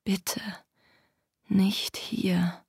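A woman reading a timid young woman in an audiobook, frightened of her partner. She stammers in a hushed near-whisper, slowly and haltingly. The recording is dry and close. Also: mid-range voice, flat delivery, vocal fry, breathy edge, no room sound, heavily acted. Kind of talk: audiobook dialogue.

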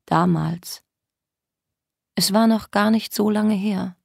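A woman reading a novel aloud in calm, measured narration. She takes her time, and the recording is dry and close. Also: medium pitch, creaky, dry recording. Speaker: audiobook narrator. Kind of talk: scripted narration.

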